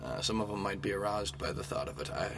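Male comedy podcast host, self-mocking and rambling, bright tone, recorded in a small closet room with background noise. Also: on the low side, quick pace, vocal fry. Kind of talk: casual solo comedy podcast talk. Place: inside a small clothes closet.

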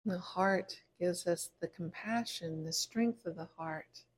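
A woman meditation teacher guides a body scan gently and without hurry, pausing between short phrases. Her voice is lowish.

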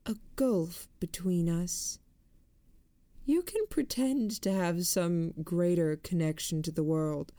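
A detached, deadly woman speaks at a slow, unhurried pace, as an audiobook narrator voices her. Her voice sits low and the recording is close and dry. She sounds like she is lecturing. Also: mellow, no echo. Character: cold calm deadly woman, a killer. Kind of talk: audiobook reading.

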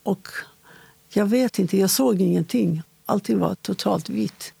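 A woman interviewee recounting a personal story in a halting, measured way, with short pauses. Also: medium pitch, creaky, dark tone, slightly rough, no echo.

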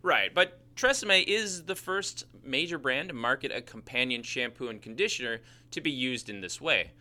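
Lively, bright-voiced man co-hosting. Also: medium pitch. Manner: joking, self-mocking, quick to laugh. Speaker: podcast co-host. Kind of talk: casual chat.

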